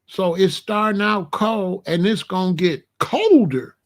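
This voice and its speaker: A middle-aged or older American man hosts an online video, talking casually to viewers and warning them about the weather. His voice is high and his pace measured, and his colloquial, emphatic style repeats phrases for stress.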